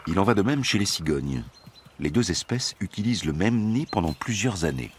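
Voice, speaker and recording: Deep-voiced male nature documentary narrator. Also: lively intonation, moderate pace, slight background noise.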